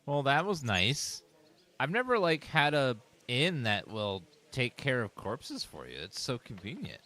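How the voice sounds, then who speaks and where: A man's voice: medium pitch, big pitch swings, unhurried, bright, forceful tone. A young man streaming a game, giving chatty, casual live commentary.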